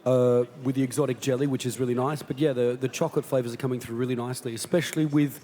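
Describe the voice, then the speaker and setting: A man's voice: medium pitch, fairly even intonation, fast, warm tone. A man giving expert tasting comments, descriptive and often repeating words. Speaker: pastry expert guest. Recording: long hall reverb.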